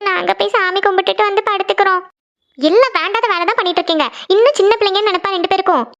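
A woman voicing scared young girls and their scolding older sister in a cartoon, speaking fast and whiny. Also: extremely high pitch, heavy background noise. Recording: dull lo-fi sound.

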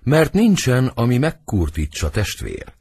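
Husky lovesick romeo, read by a guy, lyrical verse, voice swooping way up and down, audiobook drama. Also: huge pitch swings, a little mellow, exaggerated voice. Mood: wistful. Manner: lyrical verse reading, wide swings in pitch. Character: young lovesick nobleman Romeo, brooding.

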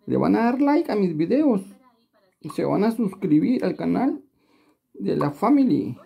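A cooing baby boy with a Mexican accent, put on by a woman, chirping up at the viewers in a home vlog. His voice swings all over the place, while a husky grain stays underneath. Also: medium pitch, big pitch swings, measured pace, mellow, pitched above the performer's own voice, heavily acted. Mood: playful.

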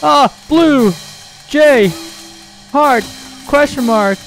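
An amused, jokey man hosting a gaming video, exclaiming and yelling excitably as he comments on the gameplay. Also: very high voice, drawn-out words, soft background music, poor audio.

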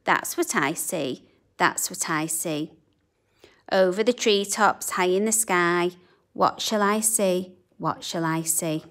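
A woman reading a children's picture book aloud in a slow, sing-song, expressive way. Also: lowish voice. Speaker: children's storybook reader. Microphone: camera above a book on a table.

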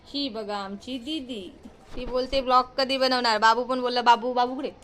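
A woman's voice: a little high, fairly even intonation, moderate pace, a bit bright, a little hiss or hum. A young woman with a Marathi accent chatting casually in a family vlog, playful and talkative, cooing at cats. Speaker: vlogger. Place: house with family, indoors.

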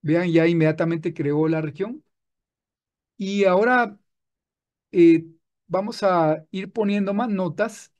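A man teaching music software in a screen-recorded tutorial, patient and explaining step by step with frequent restarts. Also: high-pitched, takes it slowly, pauses often.

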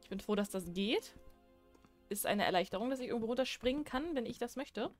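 A woman's voice: a little high, animated, fairly quick, faint music behind. A young woman chatting casually while she plays a horror game, joking and talking back to what happens on screen. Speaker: let's play gamer.

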